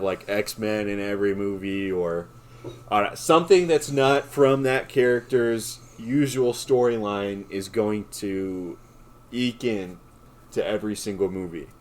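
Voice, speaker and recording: A young man co-hosting a podcast, chatting casually and laughing often as he rambles. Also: lowish voice. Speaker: podcast co-host. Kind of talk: casual chat.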